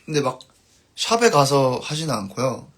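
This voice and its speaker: Here a man who plays in a band is chatting loosely with his stream audience, reading their comments out loud. His lines soften away at the finish, his pitch is medium with big swings, and his pace is moderate.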